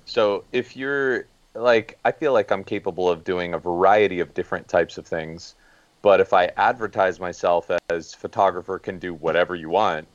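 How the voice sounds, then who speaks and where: A man's voice: low voice, normal speed, no room sound, muffled recording. A man speaking as a guest photojournalist on a podcast, plain and practical with some fillers. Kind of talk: casual podcast talk.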